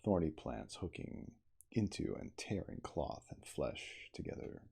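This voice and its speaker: An audiobook reader with an extremely deep, husky voice full of crackling fry reads a story aloud in a dramatic ASMR style. His deliberate phrasing rises and falls expressively, sing-song and a little mellow.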